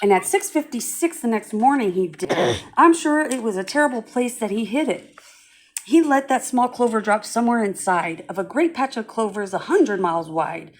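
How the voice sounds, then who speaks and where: A woman reading a rhyming storybook aloud with an expressive, rhythmic delivery. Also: on the high side, moderate pace.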